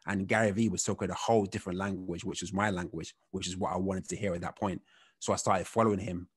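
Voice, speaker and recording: A man, telling his story as a podcast guest in a relaxed, rambling way, with many "you know" fillers. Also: sits low, fast talker, slightly rough. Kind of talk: casual storytelling interview.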